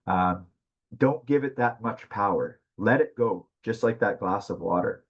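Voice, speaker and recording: Husky man giving a quick webinar talk. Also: fairly low pitch, highs cut off. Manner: fast, repeats "right?" often. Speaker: webinar presenter on mental health. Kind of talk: conversational teaching talk.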